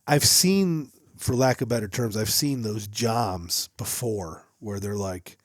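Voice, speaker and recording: A young man with a lowish voice chats about his hunting weekend in a rambling, loose way, wandering into asides as he goes. He is recorded close on a headset mic in a small shop studio. The sound is completely dry. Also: slow, no room sound. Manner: rambling and animated, trailing off into asides. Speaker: podcast co-host. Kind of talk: casual chat. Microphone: headset or boom mic.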